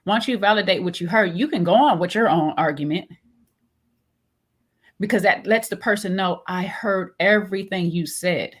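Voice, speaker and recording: A woman co-hosting a casual chat, animated and laughing often, acting out both sides of an argument. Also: medium pitch, moderate pace, pauses often, slightly rough. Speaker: co-host.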